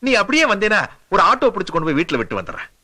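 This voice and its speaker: An actor playing a bumbling, excitable male kidnapper who blusters and bickers in a film comedy. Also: high-pitched, exaggerated voice. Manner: blustering, quick comic bickering. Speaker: film character. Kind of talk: Tamil film comedy acting.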